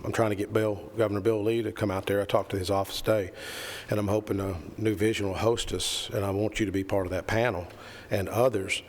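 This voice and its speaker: A middle-aged man giving an earnest, rambling speech at a committee meeting, repeating phrases for emphasis. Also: lowish voice. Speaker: committee member. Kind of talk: impassioned speech at a public meeting. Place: county committee meeting room.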